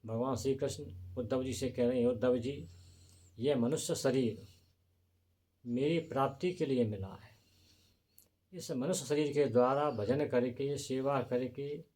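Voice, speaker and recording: A man's voice: medium pitch, unhurried, long pauses, a little mellow. A man narrating a scripture story in a devotional sermon style, dramatic and storytelling. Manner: dramatic, voices emotional quotes within the story; devout greetings, storytelling cadence.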